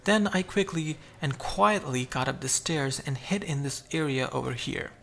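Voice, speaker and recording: A man's voice: on the high side, moderate pace, creaky, pushed and bright, slight background noise. A man narrating his own survival game playthrough, chatty and explaining each move as he goes. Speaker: gameplay narrator.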